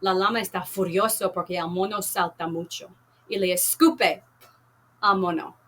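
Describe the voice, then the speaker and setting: A woman teaching a Spanish class, reading a novel aloud and leading activities, speaking slowly and clearly, repeating and translating words. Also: on the low side, steady tone, fairly bright tone.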